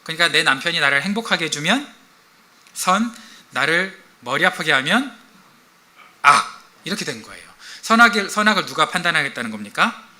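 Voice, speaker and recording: A man's voice: fairly high pitch, very animated, a little fast, sharp tone. A middle-aged male pastor giving a chatty, humorous sermon and often putting questions to the congregation.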